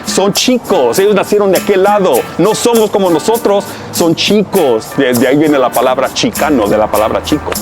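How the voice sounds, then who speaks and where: A man's voice: on the high side, moderate pace, hardly any pauses, music in the background. A man born in the United States, answering an interview in a casual, chatty way outdoors. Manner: casual, chatty, checks in with listener. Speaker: interviewee, musician.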